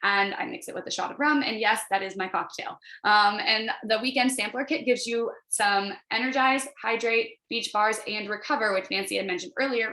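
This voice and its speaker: Over a video call, a wellness sales coach gives a group an informal pitch in a bright, forward voice. Her manner is chatty and encouraging, and she emphasizes her points. The room is echoey, with reverb clearly heard around her.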